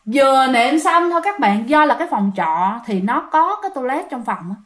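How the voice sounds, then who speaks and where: A woman narrates a ghost story. Her voice sits slightly high. She talks in a chatty way and keeps turning to address her listeners directly.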